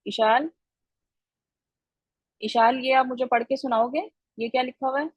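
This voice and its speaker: A woman's voice: high voice, unhurried, breathy edge, dry recording, lo-fi sound. A woman teaching children in an online class, patient and encouraging, repeating each answer back to them.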